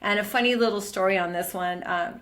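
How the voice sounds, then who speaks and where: A woman's voice: mid-range voice, brisk, a bit bright. A middle-aged woman teaching a permanent makeup training lesson, presenting her work over slides in an enthusiastic, chatty way with frequent fillers.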